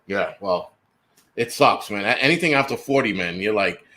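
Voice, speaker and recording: Reading out viewer comments on his laid-back livestream, this man in his forties teases the audience and curses without restraint. His lowish voice is expressive, pushed and bright, moving at a moderate pace.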